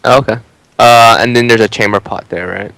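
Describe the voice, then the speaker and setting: A man's voice: medium pitch, fairly even intonation, a little fast, fairly bright tone, no room sound, poor audio. A man playing a tabletop game, describing his character's actions in a laid-back way, with fillers and restarts. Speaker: player.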